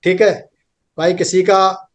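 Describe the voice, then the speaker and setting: A man's voice: sits high, flat delivery, takes it slowly. A man teaching a spiritual class online, explaining patiently and checking in with the listeners again and again. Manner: patient, repetitive explaining with frequent "theek hai". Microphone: computer microphone on an online group call.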